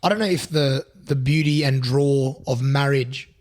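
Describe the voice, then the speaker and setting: A man in his twenties with a hoarse, raspy voice, talking earnestly and reflectively in a casual podcast chat, with lots of "you know" fillers. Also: medium pitch, normal speed, darkish tone. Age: 20s. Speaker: podcast co-host.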